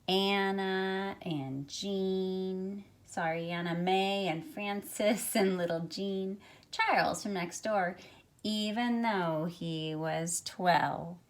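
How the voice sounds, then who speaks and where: In a small carpeted room at home, a middle-aged woman with a medium-pitched voice reads a picture book aloud to young listeners. Her storytelling is expressive and measured, with drawn-out phrases and softened asides, recorded on a phone held at arm's length.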